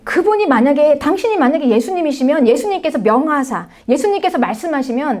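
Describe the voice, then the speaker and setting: A woman pastor preaching a sermon, retelling scripture as a story, often slipping in short affirmations and sometimes dropping to a near-whisper. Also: high-pitched. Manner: animated storytelling, acting out scripture voices; frequent affirming asides and soft drops to near-whisper.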